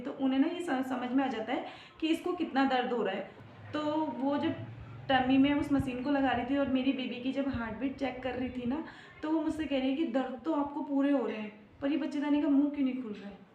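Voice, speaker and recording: Young woman, high voice, confiding personal storytelling, emotional, roomy echo, muffled sound. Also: a little mellow, slight background noise. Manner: emotional, confiding, frequent fillers. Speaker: vlogger. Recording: roomy, slightly dull home recording.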